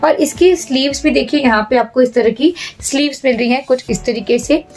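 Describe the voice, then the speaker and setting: A woman's voice: sits high, fairly quick, darkish tone. A young Indian woman presenting clothing in a shop with a chatty, persuasive sales patter, repeating words for emphasis. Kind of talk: product showcase sales pitch. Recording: voice a bit far from the mic, music underneath.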